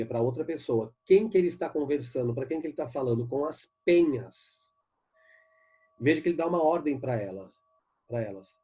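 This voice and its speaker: Male teacher with a Brazilian Portuguese accent, mellow and breathy, reads verses slowly and explains them. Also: medium pitch. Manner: explains and asks students questions, reads poems slowly. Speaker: literature teacher. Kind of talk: recorded online class lesson.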